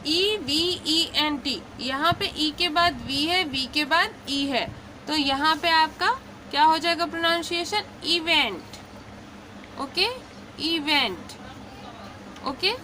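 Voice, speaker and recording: A woman teaching English pronunciation in a patient lesson. She repeats each word slowly and checks in often. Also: high-pitched, pushed and bright, slight background noise. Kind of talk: slow explanatory lesson.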